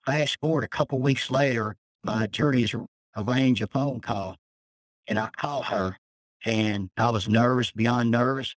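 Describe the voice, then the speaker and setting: A man's voice: medium pitch, moderate pace, no echo, low-quality recording. A man calling in to share an emotional, earnest personal testimony of faith as a guest. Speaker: death row inmate guest. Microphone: phone call.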